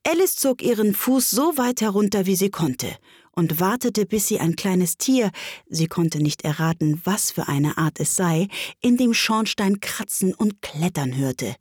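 A woman narrates a storybook with a lively, expressive delivery that rises and falls widely. Her voice is a little breathy. The recording is close and dry, with no room sound. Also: medium pitch, a little slow, no echo. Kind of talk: storybook reading.

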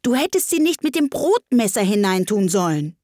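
A woman's voice: medium pitch, very animated, moderate pace, dark tone, no echo, clean studio sound. A woman voicing a restless, peevish male hatter in a storybook reading, with a clipped, contrary delivery.

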